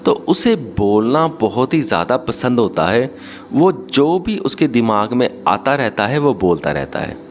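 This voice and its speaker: A man's voice: mid-range voice, a little hiss or hum. A man narrating a spiritual story in casual Hindi mixed with English words.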